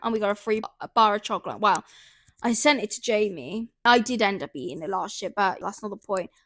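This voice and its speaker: A woman's voice: mid-range voice, animated, fairly quick, fairly bright tone, no echo. A young woman hosting a podcast, talking casually at home, ranting animatedly and swearing freely as she overshares. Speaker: podcast host.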